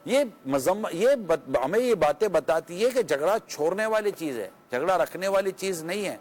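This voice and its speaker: A man's voice: high voice, expressive, a little mellow. A man with a Pakistani Urdu accent, a religious scholar giving earnest, conversational marital advice, full of pious phrases and rhetorical questions.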